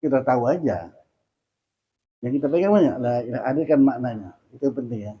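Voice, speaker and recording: A man's voice: medium pitch, lively intonation, fast talker, slightly rough, dull audio. A man teaching a religious study class in a chatty way, asking questions and repeating dhikr phrases.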